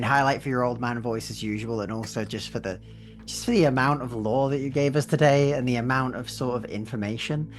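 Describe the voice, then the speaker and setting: A man tabletop player giving casual, appreciative, wordy comments on a game. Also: medium pitch.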